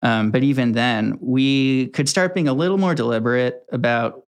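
A young video editor from Connecticut, USA, is the guest of a workplace interview, chatting in a relaxed, rambling way full of ums and restarts. His voice is mid-range and at normal speed.

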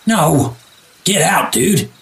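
Dude doing a crude swearing bro, super gravelly, kinda far off. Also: male voice, fairly high pitch, lively intonation, drawn-out words, fairly bright tone, exaggerated voice. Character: crude young bro survivor.

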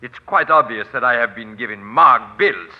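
An actor playing a sly, pompous fake swami with a solemn, formal, theatrical manner in an old radio drama. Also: male voice, mid-range voice, lively intonation, moderate pace, lightly acted. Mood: menacing. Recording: dull, noisy old radio recording.

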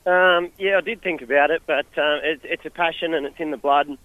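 A man's voice: fairly high pitch, fairly even intonation, fairly quick, dry recording. A young Australian man, a harness racing driver, giving a casual interview in a modest, easygoing way. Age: young adult. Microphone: phone. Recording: muffled dry phone line.

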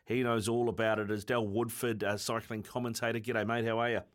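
Low-pitched matey New Zealand male host. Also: little pitch movement, a little fast. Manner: matey, rambling questions. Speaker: radio sports host. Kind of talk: casual interview chat.

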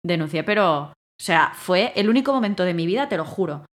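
Brief: rapid-fire female guest, animated storyteller. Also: on the low side. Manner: animated, acts out her own quotes loudly. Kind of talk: casual storytelling conversation.

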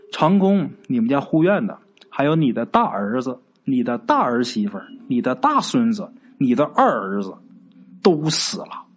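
A man voicing a young male avenger who speaks with calm, unhurried menace. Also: medium pitch, slight background noise, pitched below the performer's own voice, natural voice.

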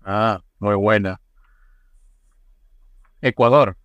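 A man hosting a casual podcast interview, asking quick questions in a relaxed way with many fillers. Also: lowish voice, clean tone, dry recording, lo-fi sound. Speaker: podcast host.

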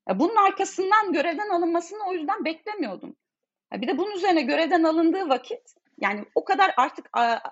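A young woman, an economics lecturer, talking in a casual discussion in an exasperated, animated way with many fillers. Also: high voice, dull audio.

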